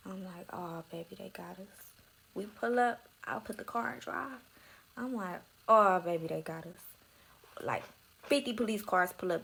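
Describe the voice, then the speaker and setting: A young woman telling a personal story in a candid, emotional way, full of swearing, sometimes dropping to a soft near-whisper. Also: medium pitch, gravelly, slightly rough.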